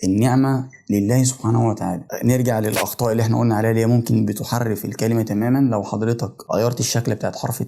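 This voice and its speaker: Gravelly, quick Egyptian man teaching. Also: mid-range voice, fairly even intonation, warm tone. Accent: Egyptian Arabic. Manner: repeats words slowly to model pronunciation; patient, plain explaining. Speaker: Quran reading teacher. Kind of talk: explanatory lesson with spoken pronunciation drills.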